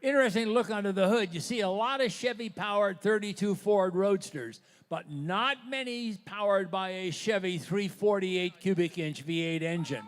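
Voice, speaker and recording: A man's voice: high-pitched, moderate pace, few pauses. A man announcing auction lots in a descriptive, partly read presentation. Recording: long hall reverb.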